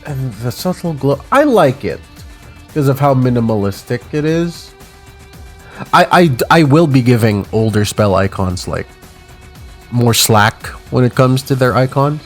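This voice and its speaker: A sick man with a mid-range, lively voice ambles unhurriedly through an unscripted tier-list ranking of game icons, tossing out offhand verdicts full of fillers. He records at home on a desk mic while wearing headphones, with soft music in the background.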